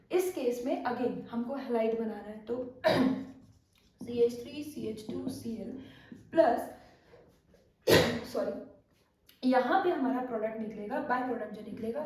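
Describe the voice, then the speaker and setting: A woman's voice: a little high, mellow. Woman teaching chemistry in an echoey room. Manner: explains step by step, asks questions and answers them herself. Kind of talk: whiteboard lesson. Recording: echoey room, far from the mic, faint noise.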